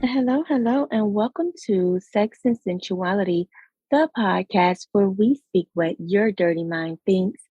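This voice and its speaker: A woman hosting a casual podcast chat, with a raspy late-night voice and a relaxed, chatty manner. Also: mid-range voice, measured pace, no echo, highs cut off. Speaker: podcast host.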